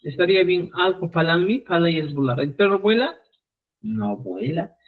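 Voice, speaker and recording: A man teaching a live online Quechua class, repeating phrases slowly for students. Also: on the high side, expressive. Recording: phone-like narrow sound.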